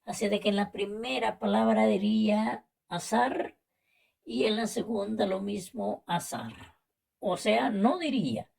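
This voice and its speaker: A woman from Latin America with a Latin American Spanish accent, teaching a vocabulary and spelling lesson and explaining slowly and carefully with repetitions. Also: mid-range voice, fairly even intonation, gravelly, a little mellow, husky. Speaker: language teacher.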